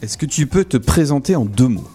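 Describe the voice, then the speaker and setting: A man's voice: mid-range voice, expressive, brisk, warm tone, husky. A man hosting a radio show, joking and teasing as he welcomes a guest. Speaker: radio host. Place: small radio studio.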